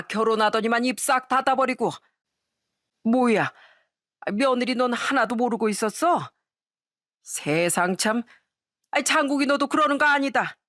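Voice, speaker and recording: A woman's voice: a little high, fairly bright tone, no echo, studio quality, natural voice. A woman playing a drunk, scolding old father-in-law. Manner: slurred, rambling, scolding. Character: drunk, blunt older father-in-law, gruff. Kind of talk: storytelling radio voice acting.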